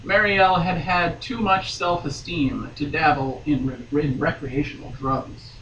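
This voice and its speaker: A woman with a deep, steady, slightly bright voice reads a romance novel aloud dramatically and unhurriedly as a podcast guest, breaking off for playful, mock-dramatic asides. The recording sounds dull and roomy, with a distant mic and faint noise.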